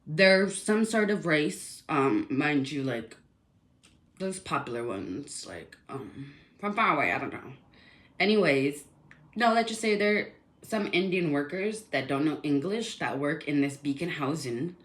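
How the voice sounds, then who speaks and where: A woman's voice: deep voice, animated, a little slow. A woman telling a personal complaint story in a casual, rambling, indignant way, full of fillers.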